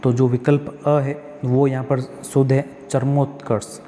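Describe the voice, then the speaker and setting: A man's voice: medium pitch, little pitch movement, unhurried, mellow, long reverb tail, slight background noise. A male tutor walks through exam practice questions, reading each one, correcting the spellings step by step and asking himself questions that he answers.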